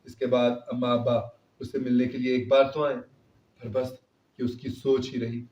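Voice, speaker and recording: A man telling a moral story in steady scripted narration. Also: mid-range voice. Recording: roomy, distant, dull recording.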